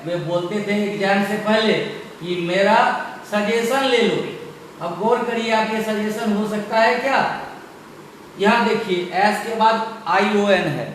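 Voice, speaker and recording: A man teaching an English pronunciation lesson, explaining each rule slowly and repeating it with emphasis. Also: high voice, a little hiss or hum. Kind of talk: classroom-style pronunciation lesson. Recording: far from the mic in a very echoey room, faint ambience.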